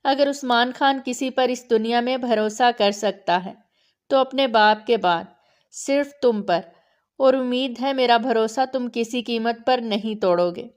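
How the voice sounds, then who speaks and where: A woman voicing a gentle protective elder brother. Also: fairly high pitch, smooth, lightly acted. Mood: firm.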